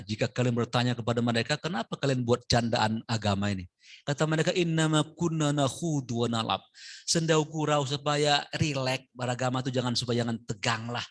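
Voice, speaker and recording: A man giving a midday sermon in a mosque. He chants verses in Arabic and explains them in a lively way, swinging from quiet asides to loud stresses. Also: medium pitch. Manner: lively, shifts from soft asides to loud emphasis; addresses listeners as "Pak". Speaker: preacher.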